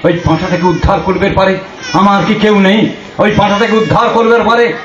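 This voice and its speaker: A man's voice: sits high, steady tone, a little fast, distant mic, natural voice. A male preacher voicing a holy man who pleads in anguish for someone to save a goat. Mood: pleading. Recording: roomy, dull lo-fi recording.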